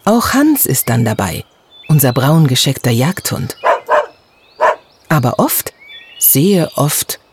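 Expressive children's-story narrator, first-person telling, wide lively pitch. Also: takes it slowly, long pauses, very noisy. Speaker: audiobook narrator.

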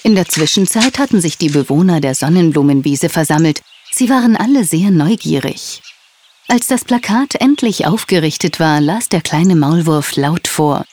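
A woman narrating a children's story in a gentle, expressive way. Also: deep voice, normal speed, slight background noise.

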